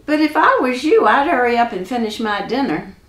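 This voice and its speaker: A woman's voice: a little high, expressive, a little fast, a bit bright, roomy sound. A woman voicing a sly, clever young country man who talks in a folksy drawl.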